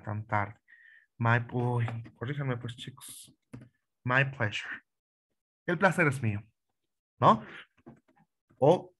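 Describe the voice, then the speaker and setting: A man's voice: mid-range voice, a bit bright. A man leads an online English lesson, patient and repetitive, often asking his students whether they follow. His voice sits in a middle register and comes through a video call. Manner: patient, repeats phrases, asks students questions. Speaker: English teacher. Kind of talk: online class instruction.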